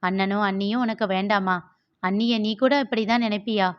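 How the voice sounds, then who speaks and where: A woman's voice: mid-range voice, fairly even intonation, moderate pace, smooth, close to an everyday voice. A woman voicing a hurt, brooding young husband who asks troubled questions in a story reading. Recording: dull lo-fi.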